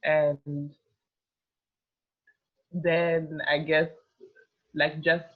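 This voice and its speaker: Speaking very slowly in a deep voice with little pitch movement, a woman in her twenties from Uganda chats as a guest in a casual interview. The fashion model rambles with heavy use of "like," and the sound is tinny and phone-like.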